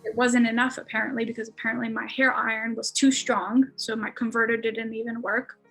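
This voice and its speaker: A woman's voice: fairly high pitch, little pitch movement, fairly quick, vocal fry, a bit bright, faint music behind. A young American woman in her twenties, a podcast guest telling a story in a casual, chatty way with lots of fillers and frequent laughs. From United States.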